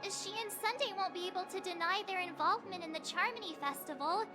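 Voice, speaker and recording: A woman voicing a bubbly, curious teenage girl adventurer in an anime game, chirpy and expressive. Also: extremely high pitch, quick pace. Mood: worried. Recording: game music behind the voice.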